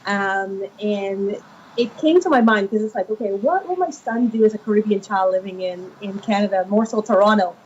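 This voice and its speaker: A woman from Guyana, a children's author in her thirties, telling her stories in an animated conversational interview with many fillers. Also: medium pitch, moderate pace. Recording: muffled lo-fi with faint noise.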